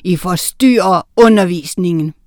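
Woman narrator voicing a cruel schoolmaster from a storybook, barking and bullying; smooth, close, dry. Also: on the low side, a bit bright, dry recording, lightly acted. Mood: angry. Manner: barking, threatening. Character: harsh, angry old male schoolteacher with a cane. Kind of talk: reading a children's story aloud.

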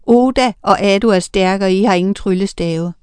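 A woman's voice: medium pitch, clear, resonant tone, dry recording, natural voice. A woman voicing a cautious, watchful boy in a storybook reading. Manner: hushed cautious.

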